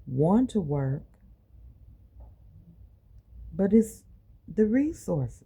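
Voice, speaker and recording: A woman's voice: mid-range voice, sing-song, extremely slow, mellow, husky. A woman delivering an impassioned personal monologue in colloquial, informal phrasing, emphatic and full of rhetorical questions. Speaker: medical clinic worker.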